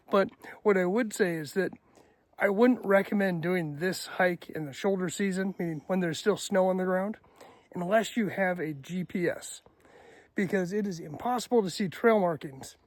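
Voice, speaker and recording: A man's voice: sits high, no room sound. A young man vlogging a hike, chatty and self-deprecating, recorded on his phone out on a snowy trail. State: out of breath. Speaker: hiking vlogger. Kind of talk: casual outdoor vlog narration. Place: snowy mountain trail outdoors. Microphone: handheld phone.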